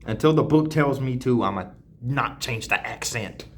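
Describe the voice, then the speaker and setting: A man's voice: medium pitch, moderate pace, slight background noise. A young man reading a classic novel aloud on camera and breaking off for slangy, joking asides, often laughing. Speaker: channel host.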